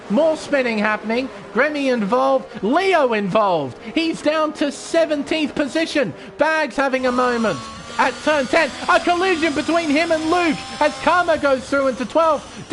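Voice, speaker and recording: A man commentating live on a motorsport race as an excitable play-by-play commentator. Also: very high-pitched, slight background noise. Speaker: motorsport commentator for online sim racing.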